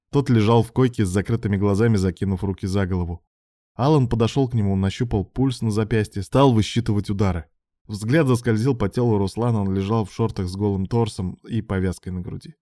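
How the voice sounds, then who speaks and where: A male narrator reads a romance story aloud in an even, measured way. His voice sits low, with a dark, mellow tone. The sound is dry and close to the mic. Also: no echo. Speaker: audiobook narrator.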